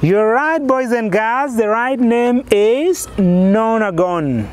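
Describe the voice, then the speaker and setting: A man's voice: extremely high pitch, expressive, slow. A man in his thirties presenting an outdoor lesson as a kids show host, asking guessing questions and counting aloud step by step. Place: outdoors on a lawn in a yard. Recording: faint outdoor background noise.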